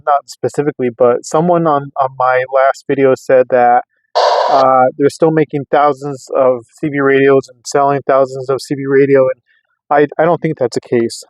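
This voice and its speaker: A middle-aged radio enthusiast vlogger with a medium-pitched, darkish voice talks casually to camera while road-testing gear in a vehicle. He rambles and circles back to restate his points, and the recording is dry with poor audio quality.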